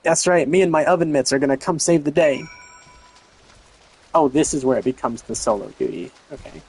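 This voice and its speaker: A man's voice: fairly high pitch, a little fast, darkish tone, slightly rough, poor audio. A man streaming a role-playing game, chatting casually with wry jokes. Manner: wry, joking. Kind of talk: casual gameplay commentary.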